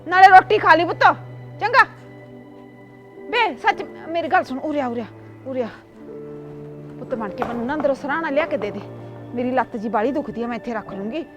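An actress playing a nagging stepmother in a village comedy sketch, shrill and complaining. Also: animated, brisk, long pauses, over music. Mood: scolding. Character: nagging middle-aged stepmother who later repents. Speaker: actress in a short comedy film.

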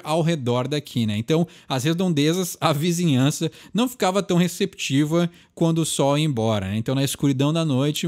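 A young Brazilian man with a somewhat higher voice talks through song lyrics in a relaxed, explanatory way. He keeps tossing in quick tag questions and slows down whenever he reads a line aloud. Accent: Brazilian Portuguese. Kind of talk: casual explanatory talk.

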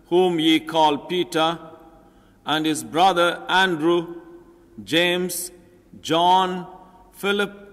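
An older man, a priest, reading scripture and preaching solemnly with measured phrasing in the echo of a large church. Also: fairly high pitch, a bit bright. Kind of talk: solemn gospel reading and homily. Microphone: lectern gooseneck microphone. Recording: echoey church hall, long reverb.

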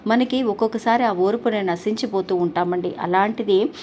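A woman's voice: medium pitch, steady tone, normal speed, darkish tone, a little hiss or hum. A woman hosting a devotional channel, telling a story in an earnest, polite way with frequent restarts.

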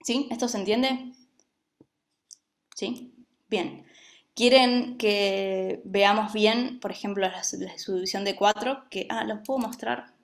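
A woman's voice: mid-range voice, slow. A woman teaching a music lesson, who explains patiently and often checks that her students follow.

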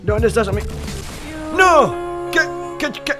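A doddering old grandpa with a Mexican accent, as a young man puts him on, talking in a voice pitched well up. He rambles, loses his thread, and breaks into sudden yelps while narrating a video game. Clear background music plays under him. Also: big pitch swings, takes it slowly, exaggerated voice. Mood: rambling. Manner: rambling, easily confused, bursts into yelps. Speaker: gaming YouTuber. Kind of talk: comedic gameplay commentary in character.

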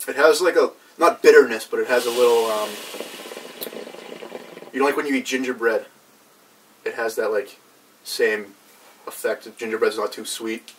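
A young man in a casual review chat, halting and searching for words as he goes. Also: mid-range voice, fairly even intonation. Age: young adult. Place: small cluttered indoor room with brick wall. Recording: distant mic, background noise.

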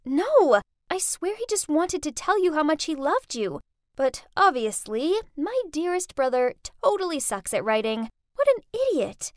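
A woman voicing a friendly, chatty young woman, a sister who talks frankly in an animated story. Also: high-pitched, measured pace, no echo, studio quality.

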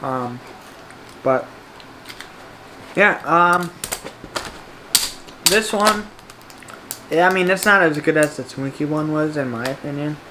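A woman with a notably low voice hosts a casual taste-test vlog. She talks in an easygoing way, trailing off with fillers. A clear background noise runs under the home recording. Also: slow, pauses often. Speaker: vlogger.

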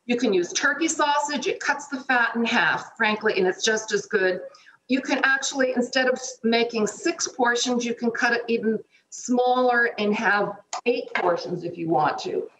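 Over a remote video feed from her home kitchen, a middle-aged woman gives a chatty, step-by-step cooking demonstration for a morning show. Her voice is fairly high and a bit bright at a normal speed, with roomy kitchen echo and faint noise.

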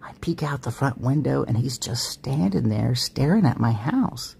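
Very low-voiced woman narrating a story. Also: normal speed, gravelly, a little hiss or hum. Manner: dramatic, expressive reading with jumps in pitch. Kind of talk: reading a story aloud.

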